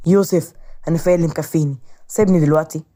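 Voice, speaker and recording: An insistent, flustered young husband, as a woman reads him with an Egyptian accent. The voice is low-set and quick. Plain storybook delivery. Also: steady tone, warm tone, close to an everyday voice. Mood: tense.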